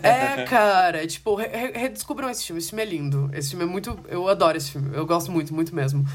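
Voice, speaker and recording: A man's voice: high voice, a little fast, a crowd in the background. A Brazilian man co-hosting a film podcast, talking in a casual, informal and enthusiastic way. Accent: Brazilian Portuguese.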